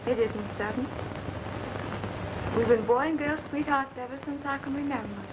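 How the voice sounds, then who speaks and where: A woman's voice: high-pitched, moderate pace, natural voice. A woman acting in an early talkie film as a weary, proud stage actress, with a theatrical, earnest delivery. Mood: wistful. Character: weary, proud stage actress leaving her lover for marriage. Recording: noisy, hissy early sound film.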